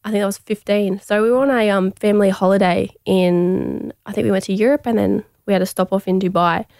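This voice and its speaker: A young woman from Australia chats casually as an interview guest, her level voice held to a narrow range with a gravelly fry. She talks in a relaxed way, full of fillers and restarts, in a dry, close studio sound. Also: mid-range voice, a little fast, no echo. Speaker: guest, athlete.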